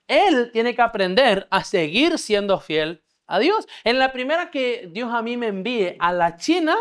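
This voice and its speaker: A man's voice: very high-pitched, a bit bright. A man preaching a discipleship sermon. He teaches a live congregation in church, keeps checking that they follow, and has them repeat words back to him. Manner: checks understanding, leads call-and-response. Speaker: pastor.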